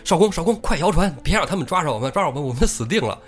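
A man voicing an anxious fugitive leader who pleads in a raised, hurried voice. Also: fairly high pitch, lively intonation, soft background music, voice pushed up, lightly acted. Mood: pleading.

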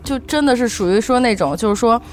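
A young woman chats casually on a podcast, telling emotional, animated stories about her mother and often asking "you know?". She speaks fast in a high-leaning voice, with faint music in the background.

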